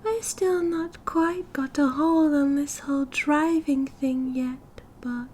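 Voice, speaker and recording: A British woman with a high, steady, slightly mellow voice speaks slowly in an ASMR roleplay, with a little hiss or hum and car driving sounds behind her. She plays a cheerful, possessive young yandere kidnapper in an intimate one-sided conversation, breezy, giggly, cutesy and doting.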